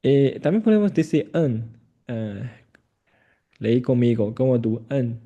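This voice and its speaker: A man's voice: medium pitch, sing-song, unhurried, dark tone, highs cut off. A man teaching a language lesson, patient and prompting with frequent affirming murmurs. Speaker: Chinese teacher.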